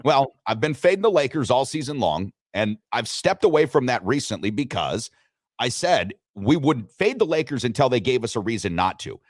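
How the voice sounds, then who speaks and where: A man hosting a sports talk show, talking betting lines with animated delivery and frequent restarts. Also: mid-range voice, normal speed, no room sound, clean studio sound. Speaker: sports radio host.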